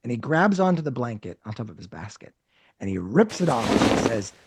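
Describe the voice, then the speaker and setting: A male game master narrating a tabletop game with lively, casual energy. His voice is gravelly and a little husky, and it swings up and down. The sound is dry and close. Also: mid-range voice, a little fast, no room sound. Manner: animated, casual storytelling.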